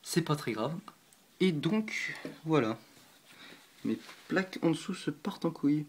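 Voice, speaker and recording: A man's voice: a little high, expressive, a little slow, slight background noise. A man giving a casual show-and-tell vlog of his builds, hesitant and chatty, with many fillers and little apologies, recorded on a nearby camera mic at home. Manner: hesitant and chatty, frequent 'euh', 'hop' and 'voilà' while handling pieces; self-deprecating asides and apologies. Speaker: LEGO builder showing his models.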